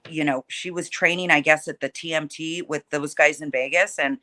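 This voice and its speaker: A woman's voice: deep voice, steady tone, moderate pace, pushed and bright. A woman fighter talking casually in an interview, feisty, combative and blunt, swearing freely as she talks trash.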